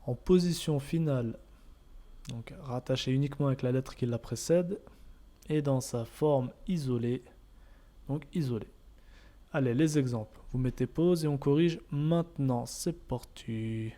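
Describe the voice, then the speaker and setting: Male teacher, slow patient delivery, mellow dark tone, walks learners through each example. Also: medium pitch. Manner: patient, repeats each point, models sounds. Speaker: Arabic reading teacher. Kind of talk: step-by-step lesson narration.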